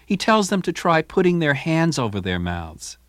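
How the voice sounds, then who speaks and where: A man reading a scripted radio review as a classical music critic, with measured storytelling. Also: a little high, sing-song, background noise. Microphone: studio microphone.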